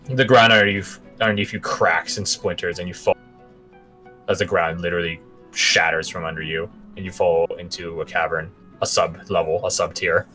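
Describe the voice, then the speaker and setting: A man with a lowish, bright voice runs a tabletop game as game master. He sets scenes with dramatic pauses, then drops into casual explanation, with faint music behind him. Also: fairly even intonation. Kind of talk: narrating a tabletop game, scripted-sounding description mixed with casual asides.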